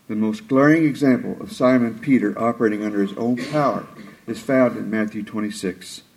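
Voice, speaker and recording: A man's voice: creaky, rough recording. A man preaching a sermon, retelling scripture expressively and acting out the quoted lines. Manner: expressive, acts out quoted lines with rising pitch and slowed delivery.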